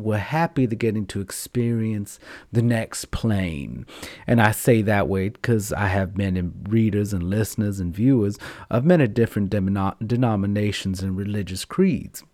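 A man with a campy, theatrical auntie-like manner and drawn-out words, talking casually and unscripted to his podcast listeners. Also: on the low side, darkish tone, no echo, clean studio sound. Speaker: podcast host and storyteller.

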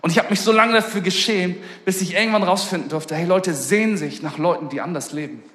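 A man's voice: high-pitched, a little fast, fairly bright tone. A man preaching a sermon in a casual, slangy storytelling way, fervent about his message. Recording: echoey hall with long reverb.

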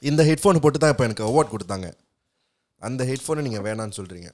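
A man of average pitch co-hosts a casual podcast. His delivery is extremely rapid. He speaks, hopping between languages as he banters. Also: animated, a little mellow. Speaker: podcast co-host.

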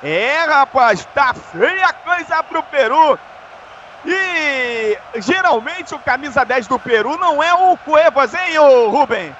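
A Brazilian man giving colloquial, animated live radio commentary on a football match. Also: very high-pitched, takes it slowly. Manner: colloquial, animated play-calling. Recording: dull, lo-fi sound with faint noise.

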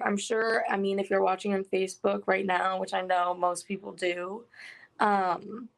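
A young woman co-hosts a podcast, casually chatting over the phone and using "like" a great deal. She speaks at a medium pitch with vocal fry.

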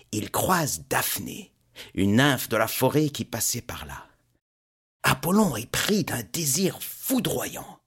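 Brief: male storyteller, lively rising and falling voice, unhurried, guitar plays behind. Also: mid-range voice, husky. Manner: expressive, measured storytelling. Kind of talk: storytelling narration. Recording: narration over guitar music.

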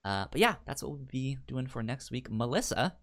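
Sing-song and at a normal speed, a medium-pitched voice belongs to a podcast co-host casually pitching and recapping anime shows. The talk is frequently broken by stammers and repeated words and syllables.

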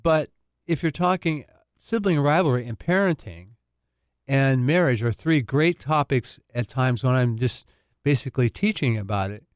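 A man's voice: mid-range voice, moderate pace, clear, resonant tone, dry recording, studio quality. A male counselor talking casually on a radio show, explaining and laughing easily. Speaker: family counselor, guest.

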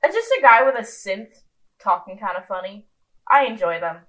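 A woman's voice: mid-range voice, lively intonation, moderate pace, a bit bright, poor audio. A woman in her twenties co-hosting a podcast in casual chat, rambling with lots of ums and restarts. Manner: rambling, self-deprecating, many ums and restarts. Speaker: podcast co-host.

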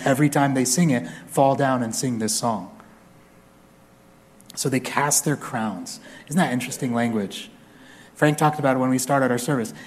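Guy pastor giving a sermon, mid pitch, chatty with jokes, reads bible bits with feeling. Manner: conversational preaching with humorous asides; reads scripture aloud expressively.

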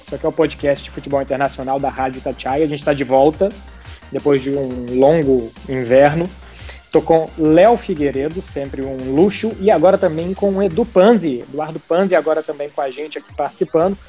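A man's voice: a little high, fairly quick, dark tone, soft background music. A man from hosting a casual sports podcast. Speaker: podcast host.

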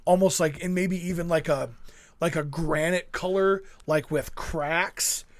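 A man's voice: fairly high pitch, fairly even intonation, unhurried, no echo. A man hosting a casual podcast, chatting loosely with many fillers and reading out listener questions. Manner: rambling, many fillers, laughs easily. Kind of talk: casual chat.

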